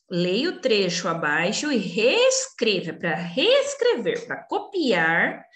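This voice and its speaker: Woman primary teacher, recorded lesson; high-ish, animated, patient and coaxing; roomy echo. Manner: slow, coaxing, talks down gently to young children. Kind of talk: recorded remote class walkthrough. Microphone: computer recording while sharing screen. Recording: echoey room.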